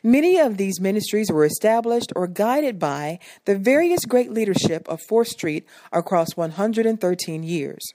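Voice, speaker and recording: A woman reading a scripted voice-over narration for a church video in a measured, formal way. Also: mid-range voice, lively intonation, dark tone, no room sound.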